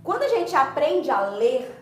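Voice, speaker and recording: A woman's voice: high-pitched, very animated, measured pace, darkish tone. A woman pastor preaching a conversational sermon, acting out little dialogues along the way. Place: church hall. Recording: roomy church hall with faint music.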